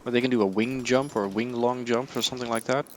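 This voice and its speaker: A man streams a game live, his mid-range voice steady and quick over a faint hiss or hum. Drowsy and yawning, he muses aloud in casual let's-play style, rambling and occasionally getting tongue-tied.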